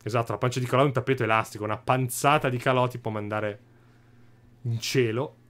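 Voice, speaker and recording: A man's voice: mid-range voice, steady tone, fast, fairly bright tone. A man hosting a casual let's-play, commenting on the game with jokey, chatty asides. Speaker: gaming video host. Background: faint game music.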